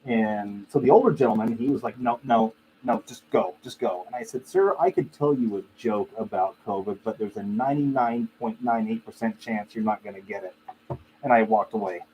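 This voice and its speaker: This livestream host has a lowish, slightly mellow voice and talks fairly quickly. He shares opinions and stories with his live viewers in a relaxed, conversational chat, over clearly noisy stream audio.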